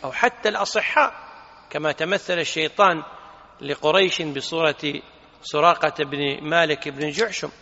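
A man's voice: on the high side, moderate pace, pushed and bright. A man teaching a religious lesson, explaining a text emphatically and posing rhetorical questions. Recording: reverberant hall, dull lo-fi sound.

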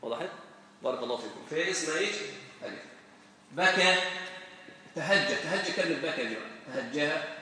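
A man teaching Arabic grammar to a class, lively and quizzing his students with questions. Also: a little high, very fast. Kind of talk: classroom lesson. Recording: echoey hall, recorded from far off.

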